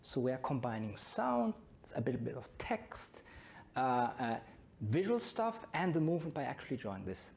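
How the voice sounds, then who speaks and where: A middle-aged Scrum trainer with a German accent gives an informal conference talk, conversationally putting questions to the audience; he was born in Belgium, studied in Germany, and has long lived in Brazil. His medium-pitched voice is very animated and darkish, with vocal fry, at normal speed.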